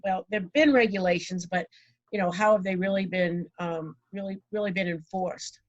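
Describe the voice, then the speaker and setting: A woman with a Boston accent giving an online presentation, rushing ahead with many fillers and restarts. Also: fairly low pitch, steady tone. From Boston, Massachusetts. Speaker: guest speaker. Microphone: video call. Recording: dull lo-fi video call audio.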